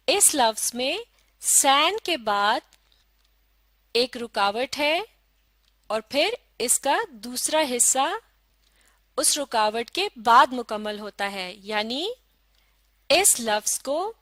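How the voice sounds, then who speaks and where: Pakistani woman teacher, slow and careful, fairly high voice, dry close sound, spells words out. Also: a bit bright, dry recording. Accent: Pakistani Urdu. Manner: slow, deliberate, spells out letters. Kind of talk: recorded classroom lesson.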